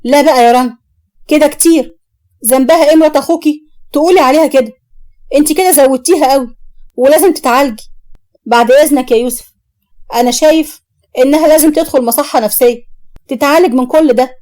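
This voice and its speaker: A woman's voice: high voice, fast talker, long pauses, warm tone, natural voice. A woman doing a scolding young Egyptian husband. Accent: Egyptian Arabic.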